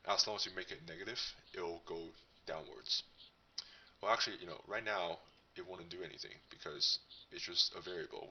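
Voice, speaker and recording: Male tutorial host, disguised deep voice via voice changer, very sharp and bright tone, casual delivery, a little off-mic. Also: recorded from a distance, highs cut off. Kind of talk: casual coding tutorial narration.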